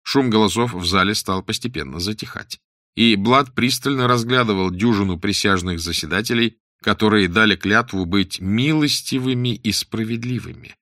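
A man narrating a story aloud in a measured, expressive reading. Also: fairly low pitch, no echo, studio quality. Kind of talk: scripted audiobook narration.

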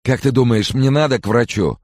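A man voicing a panicky, defensive young man with shrill, indignant outbursts, as an audiobook character voice. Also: sing-song, quick pace, vocal fry, a little mellow, no echo, clean studio sound, exaggerated voice. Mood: anxious.

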